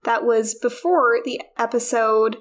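A woman co-hosting a podcast in casual chat, with deliberate, mock-indignant teasing. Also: on the high side, fairly even intonation. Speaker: podcast co-host.

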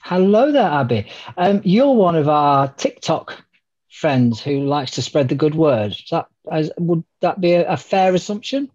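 Cheery podcast co-host. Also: male voice, a little high, sing-song, unhurried, darkish tone, highs cut off. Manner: cheerful, self-mocking banter. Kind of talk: casual chat.

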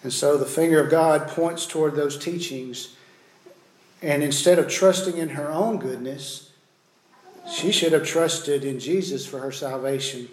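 Storytelling preacher in an echoey room. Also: male voice, fairly high pitch, unhurried, a little mellow. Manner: storytelling, citing scripture. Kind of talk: sermon. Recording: roomy echo.

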